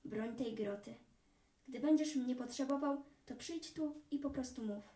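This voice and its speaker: Woman doing a kind old granny ghost from a storybook, soft and mellow, echoey and far off. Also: high-pitched, a little slow. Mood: gentle. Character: kind grandmother ghost, gentle and wise.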